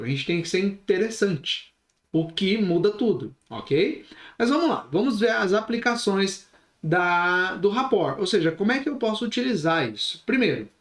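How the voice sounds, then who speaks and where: Brazilian male instructor, higher voice, animated, talks with his hands; roomy echo. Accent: Brazilian Portuguese. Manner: expressive, gestures while talking. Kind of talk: recorded online class.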